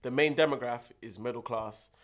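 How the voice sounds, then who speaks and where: A young man speaks in a London roadman accent, full of urban multicultural London slang, his voice medium in pitch and a little quick. He's bantering casually with friends, repeating phrases for emphasis.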